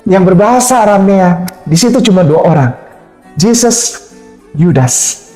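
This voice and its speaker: A man's voice: sits high, expressive, unhurried, mellow. Emphatic man preaching in an echoey room. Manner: emphatic, rhetorical questions, acts out quotes. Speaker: Islamic preacher. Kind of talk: animated preaching to a convert. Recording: roomy sound with faint music.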